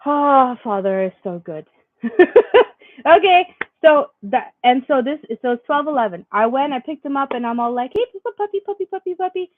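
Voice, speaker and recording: In a casual spiritual vlog, a young woman shares a rambling faith story full of fillers and restarts. She speaks at normal speed in a high voice with lively intonation, recorded dry with no room sound and a tinny, lo-fi quality.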